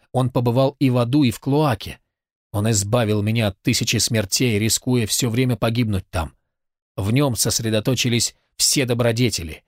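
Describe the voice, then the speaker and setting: A man's voice: mid-range voice, no room sound, clean studio sound, close to an everyday voice. A man reading the lines of an impassioned, grateful young man in a storybook, fervent and insistent.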